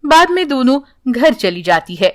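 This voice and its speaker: Slow, high-voiced woman storyteller. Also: sing-song. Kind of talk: scripted narration.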